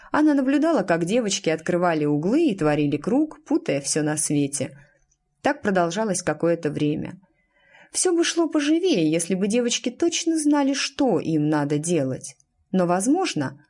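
Expressive woman audiobook narrator. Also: on the low side. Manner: expressive storytelling with lively intonation. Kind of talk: scripted narration.

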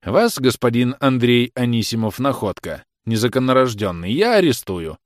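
A man's voice: mid-range voice, sing-song, normal speed, no room sound, pitched above the performer's own voice, close to an everyday voice. A man voicing a contemptuous young gendarme officer who barks orders, in a dry recording. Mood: commanding. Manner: sneering, barking commands. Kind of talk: audiobook character reading.

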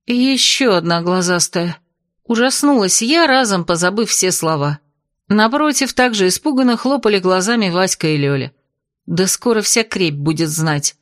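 Woman reading a first-person audiobook, lively and expressive, mid voice, dry close mic. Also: medium pitch, normal speed, dry recording. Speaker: audiobook narrator.

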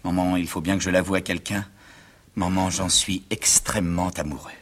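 A man's voice: sits low, little pitch movement, moderate pace. A man voicing a stagestruck young man in his twenties, defiant and theatrical, in a one-man reading of a stage comedy. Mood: pleading.

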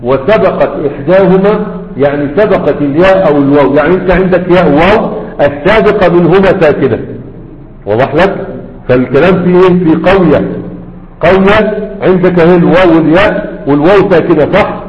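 A man who teaches Arabic grammar, speaking with an Egyptian accent, gives a classroom lecture and keeps checking with his students by asking "right?". His voice is high-pitched and a little fast, recorded in an echoey hall with dull lo-fi sound.

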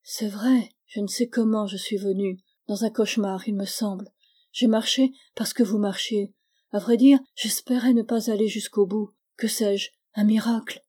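A woman's voice: mid-range voice, fairly even intonation, normal speed, darkish tone, breathy edge, close to an everyday voice. A woman voicing a distraught young wife who pleads urgently for her husband in a read-aloud novel. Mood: bewildered.

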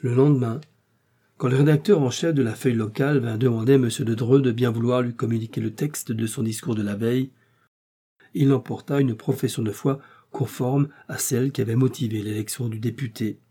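A man narrating a classic novel in a steady, measured reading. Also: medium pitch, breathy edge. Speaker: audiobook narrator.

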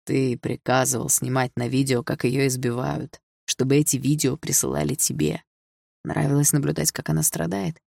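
A woman voicing a tough young man who threatens his rival in a cold, even tone. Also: a bass voice, moderate pace, vocal fry, dry recording, studio quality, full character voice.

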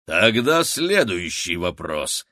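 A man voicing a huge, brutish giantess in an audiobook, speaking slowly and threateningly. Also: very animated, sharp tone, no room sound, studio quality, heavily acted. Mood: menacing. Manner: slow, booming, threatening. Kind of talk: audiobook character voice.

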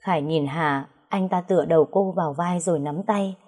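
A woman narrating a story in a brisk, lively reading. Her voice sits low and sounds mellow and warm. She shifts into different voices for the characters. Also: breathy edge.

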